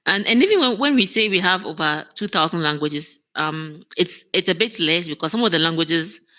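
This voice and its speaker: A woman on the low side of pitch speaks expressively at a moderate pace, with a sharp tone. She appears as a guest, an operations manager, in a conversational interview, earnest and prone to restarts and easy laughter.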